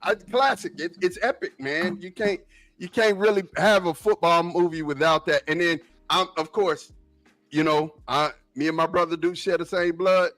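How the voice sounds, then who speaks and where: A man's voice: a little high, fairly even intonation, moderate pace, fairly bright tone, faint music behind. Enthusiastic man on a sports podcast. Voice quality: laughs often, enthusiastic. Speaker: podcast co-host. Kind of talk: casual sports podcast chat.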